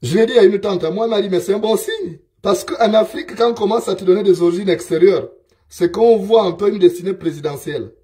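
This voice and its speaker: A man's voice: high voice, quick pace, mellow. A man from Gabon, giving a scornful, emphatic political monologue full of repeated phrases.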